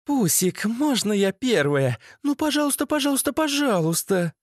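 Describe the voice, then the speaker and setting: An unhinged young woman squeals and begs in a high, shrill voice, sweet one moment and vicious the next, as a male narrator puts her on. Her pitch jumps far above his own speaking voice. The read is dry and close-miked. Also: big pitch swings, moderate pace, no room sound, heavily acted. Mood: wheedling. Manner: squealing, wheedling.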